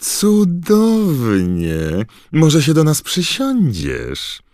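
A man's voice: fairly high pitch, huge pitch swings, very slow, a little mellow, no room sound, clean studio sound, voice pushed up, exaggerated voice. A man voicing a scheming, fawning female gossip reporter in an audiobook, pushy and sly. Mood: gushing. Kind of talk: audiobook character voice.

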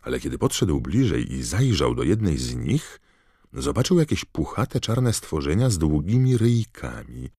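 A man reading an audiobook aloud in steady, even storytelling narration. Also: very deep voice, moderate pace, husky, no echo, studio quality. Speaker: audiobook reader. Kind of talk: scripted narration.

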